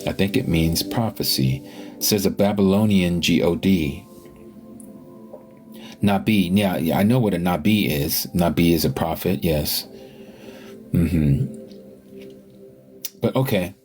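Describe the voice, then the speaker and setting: A man hosting a live scripture study, reading passages aloud and thinking out loud as he stops to check pages and look up words. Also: sits low, a little slow, pauses often, soft background music. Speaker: online scripture study host.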